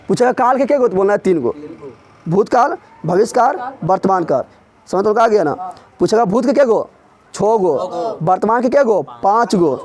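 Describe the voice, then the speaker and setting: A man teaching a grammar revision lesson in a classroom, drilling his students with quick repeated questions. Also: high voice, a little mellow.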